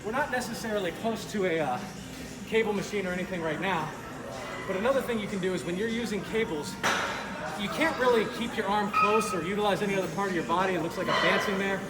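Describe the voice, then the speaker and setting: A man speaking through a face mask, giving casual, halting workout instruction in a gym vlog. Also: high voice. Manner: informal, halting, self-correcting explanations. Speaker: fitness video creator, host. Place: indoor gym. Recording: echoey gym, loud music behind. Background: loud music.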